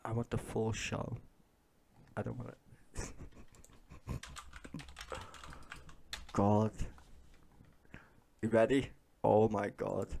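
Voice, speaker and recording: A man's voice: on the low side, flat delivery, extremely slow, creaky, long pauses, warm tone, slight background noise. A man who sounds stoned, rambling casually and swearing as he hosts a reaction to clips. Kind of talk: casual profane reaction commentary to political clips.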